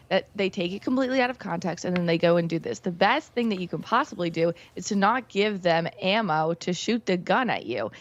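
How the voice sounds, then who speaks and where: A woman's voice: on the low side, highs cut off. A woman commentating as a guest on a news panel, arguing her points emphatically in casual wording. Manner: emphatic and argumentative, casual phrasing.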